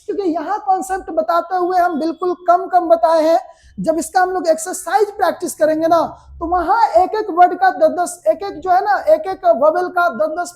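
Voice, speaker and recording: A woman shorthand teacher with a Hindi accent, giving a classroom lecture and explaining step by step while asking her students quick questions. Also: extremely high pitch, darkish tone. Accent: Indian Hindi.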